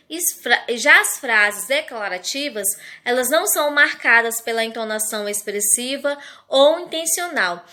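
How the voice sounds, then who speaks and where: Slow, careful Brazilian woman teacher. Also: high voice, pushed and bright. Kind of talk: recorded grammar lesson.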